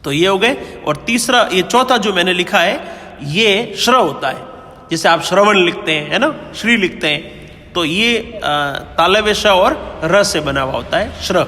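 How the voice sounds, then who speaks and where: Bright-voiced male Hindi grammar teacher. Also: high voice, lively intonation, measured pace, big-room sound. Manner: explains patiently, keeps asking "है ना?" and "ठीक है?". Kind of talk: classroom-style grammar lecture.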